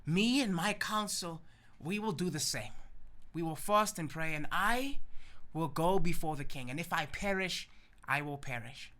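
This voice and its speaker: A man's voice: a little high, lively intonation, measured pace, sharp tone. A man voicing a courageous queen who pleads earnestly before a king. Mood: resolute.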